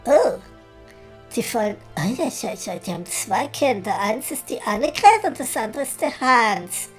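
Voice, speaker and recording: A man's voice: extremely high pitch, sing-song, moderate pace, fairly bright tone, soft background music, pitched above the performer's own voice, heavily acted. A man with a Ruhr German accent voicing a spoiled, party-mad female fairy who whines and squeals, in a comedic audio play. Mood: disgusted. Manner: whiny, squealing, easily disgusted.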